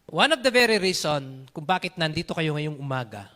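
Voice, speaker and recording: A man with a Filipino accent preaching a sermon, animated, telling stories and switching between Tagalog and English. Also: fairly high pitch, a little fast. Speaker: pastor.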